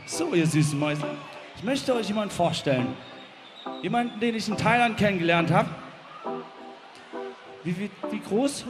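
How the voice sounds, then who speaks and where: A German man, a musician performing live at an open-air festival, joking playfully with the crowd between songs. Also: sits high. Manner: playful, cheeky, calls out to the crowd. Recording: live concert sound with loud band music.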